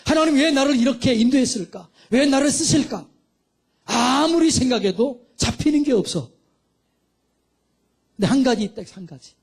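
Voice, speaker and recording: A man's voice: extremely high pitch, lively intonation, moderate pace, vocal fry, long pauses, darkish tone, husky. A middle-aged male pastor preaching fervently, calling for amens and acting out little dialogues. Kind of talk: sermon. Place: church sanctuary.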